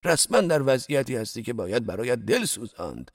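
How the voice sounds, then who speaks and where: A man's voice: medium pitch, sing-song, gravelly, slightly rough, dry recording, clean studio sound, heavily acted. A man voicing a scornful male night watchman who mocks a beaten prisoner in a storybook reading. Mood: mocking. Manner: mocking, contemptuous.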